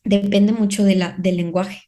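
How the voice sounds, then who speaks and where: A Mexican-accented woman tells her story as a podcast guest in a chatty, conversational way. She slips into quick quoted asides of what she once said, with her voice sitting at an ordinary middle pitch. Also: little pitch movement, mellow. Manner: chatty, acts out her own past remarks in quoted asides.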